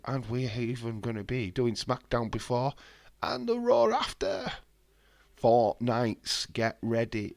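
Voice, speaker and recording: Fighting a head cold, this man streams live as a wrestling watch-along host, talking bluntly, swearing often, and answering messages from viewers. His pitch is fairly low, with no room sound in the recording.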